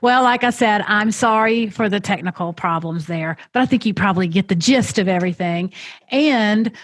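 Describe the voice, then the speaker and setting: A woman's voice: medium pitch, moderate pace, no room sound. A woman hosting a podcast interview, talking emotionally and repeating herself, then speaking straight to her listeners. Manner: emotional, warm-spoken, repeats herself when moved. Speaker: podcast host. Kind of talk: conversational interview and direct-to-listener wrap-up.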